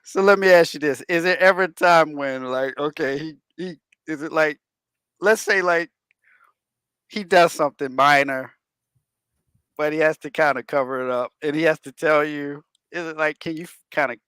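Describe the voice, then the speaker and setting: A man hosting a talk radio interview, chatty and quick to laugh, asking rambling questions full of restarts. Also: fairly high pitch, a bit bright, smooth, no echo. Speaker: radio show host. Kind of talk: casual interview chat.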